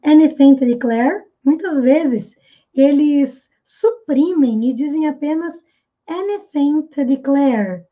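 A woman with a Brazilian accent and a high, bright voice explains pronunciation in a video lesson. She repeats English phrases slowly and carefully for her students. The recording sounds slightly dull and lo-fi. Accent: Brazilian Portuguese. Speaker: English teacher.

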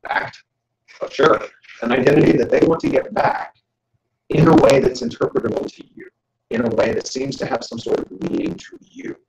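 A man giving a joking, animated lecture to an audience as a guest speaker. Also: mid-range voice, normal speed, vocal fry, reverberant, muffled recording. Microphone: camera.

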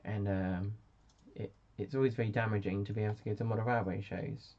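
Chatty man with a gravelly voice. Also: lowish voice, fairly even intonation, fairly quick, a little mellow. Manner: chatty, self-mocking, reads out viewer comments. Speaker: live-stream host. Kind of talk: casual live-stream chat. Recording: dull lo-fi sound.

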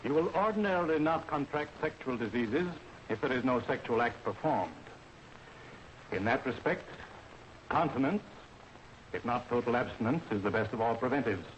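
Heard on a noisy, dull 1940s film track, a medium-pitched, animated male voice with an American accent delivers a lecture. He portrays an army medical officer in a training film, instructing in a formal, deliberate, authoritative manner.

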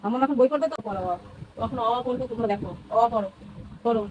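Brief: quick, higher-voiced woman, family vlogger, sing-song coaxing. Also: dull audio, noisy background. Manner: coaxing, sing-song talk to a small child. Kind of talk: casual family vlog to viewers.

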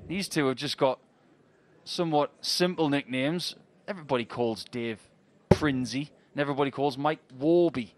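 A man's voice: medium pitch, moderate pace. A middle-aged man co-commentating on darts, mixing chatty analysis with banter. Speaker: sports co-commentator. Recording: clear background noise from the venue.

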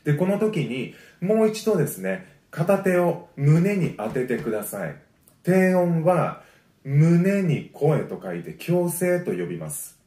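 A man teaching a voice lesson. He gives friendly, encouraging explanations and breaks them up with sustained low sung vowels. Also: dark tone. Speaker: voice trainer. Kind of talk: vocal lesson. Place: home. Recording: roomy echo.

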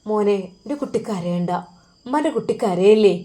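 A woman with a Malappuram Malayalam accent voicing an affectionate, emotional elderly mother, speaking softly and tenderly. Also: expressive, normal speed, natural voice. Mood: coaxing. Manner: soft, lowered and tender.

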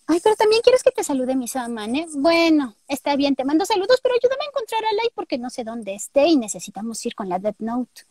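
A woman playing an eager anime girl with a sweet, high, chirpy voice. The voice is bright and bubbly, recorded close and dry. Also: very animated, fairly quick, hardly any pauses, no room sound.

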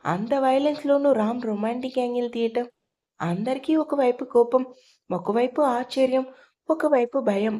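Woman reading a romance audio story dramatically, highish mellow voice. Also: normal speed.

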